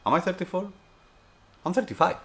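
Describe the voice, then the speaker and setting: A man's voice: high voice, lively intonation, a little fast. A man in his thirties from Spain, speaking English with a Spanish accent, answers viewer questions in a casual, rambling way that leans on "obviously" and "you know". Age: 30s. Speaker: streamer. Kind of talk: casual Q&A chat.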